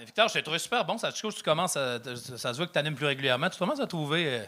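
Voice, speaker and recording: Fast-talking bright Québécois man. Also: on the high side. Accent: Québécois French. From Saguenay, Quebec. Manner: animated, laughing. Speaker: comedy show co-host. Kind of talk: casual banter.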